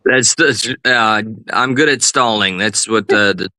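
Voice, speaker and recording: A man with a bright, ringing voice keeps up improvised joking banter on a live stream. He slides into mock-serious speeches and fake outrage for laughs. The sound is close and dry. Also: on the low side, unhurried, dry recording. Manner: goofy mock-serious riffing, playful put-on outrage.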